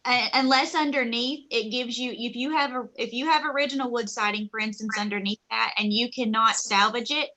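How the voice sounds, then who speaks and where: A woman's voice: a little high, fairly quick, hardly any pauses, bright, forceful tone, rough recording. Kentucky woman losing her voice. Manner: explanatory, apologetic, informal. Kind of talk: public meeting discussion.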